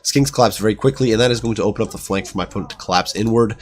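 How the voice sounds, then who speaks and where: A man with a sick, nasal voice giving chatty game battle commentary, with many fillers. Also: fairly low pitch. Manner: chatty, quick, lots of fillers. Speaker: gaming commentator.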